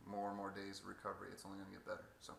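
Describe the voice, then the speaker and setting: A man giving a halting, hesitant casual video update with a sore throat two days after surgery. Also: sits low, monotone, vocal fry, a bit bright. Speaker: patient vlogger. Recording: echoey room, faint background noise.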